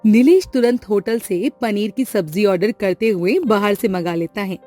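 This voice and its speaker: A woman narrating an animated family story in a steady, plain storytelling way. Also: medium pitch, moderate pace, soft background music.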